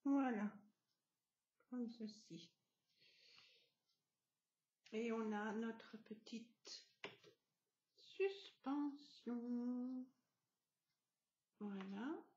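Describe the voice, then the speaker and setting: A woman narrating a craft tutorial, explaining each step gently with soft asides. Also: a little high, extremely slow, long pauses, reverberant. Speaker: craft video host. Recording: dull lo-fi home recording.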